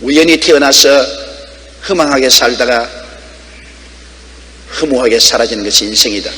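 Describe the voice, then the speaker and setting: A man's voice: medium pitch, sharp tone. An older man preaching a sermon with emphatic, sweeping delivery. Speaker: pastor. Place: church sanctuary. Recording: long hall reverb.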